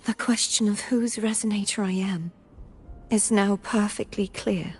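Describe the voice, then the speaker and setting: An actress voicing a youthful holy maiden in video game dialogue, speaking softly, earnestly and formally. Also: female voice, mid-range voice, fairly even intonation, a little slow, breathy edge.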